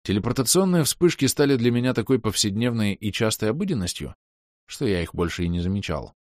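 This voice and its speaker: A man reading a fantasy novel aloud in a wry, lively storytelling manner. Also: fairly low pitch, a little fast, dry recording, studio quality. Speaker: audiobook narrator. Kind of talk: scripted narration.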